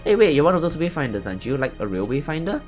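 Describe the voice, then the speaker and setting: A man's voice: a little high, very animated, very fast, music in the background, voice pushed up. A man reading as an eager young boy.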